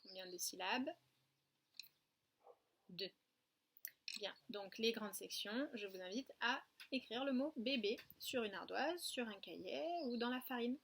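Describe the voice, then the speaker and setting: Slow, gravelly-voiced woman teaching small children. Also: on the high side, a little hiss or hum. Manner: slow, patient instructions, counting aloud and repeating words. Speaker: kindergarten teacher. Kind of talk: home video lesson for young children.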